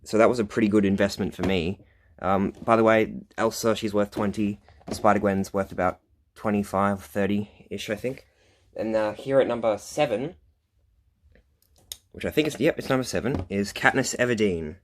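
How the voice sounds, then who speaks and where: A man's voice: lowish voice, steady tone, normal speed, slight background noise. A young man chatting casually as he hosts a top ten countdown of his collection, with self-deprecating asides. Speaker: collector, video host.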